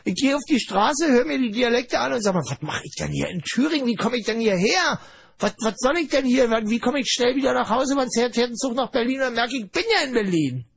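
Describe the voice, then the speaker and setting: Fast-ranting high-voiced male radio host. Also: expressive, gravelly, husky, no echo. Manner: rapid, ranting, mock-outraged. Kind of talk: fast comic radio rant with caller. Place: radio studio. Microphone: studio mic with headphones.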